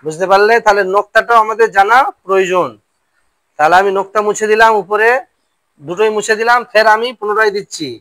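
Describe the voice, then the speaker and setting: A man's voice: sits high, fast, fairly bright tone, no room sound. A male Quran reading teacher drilling Arabic letter sounds and quizzing pupils in a classroom lesson.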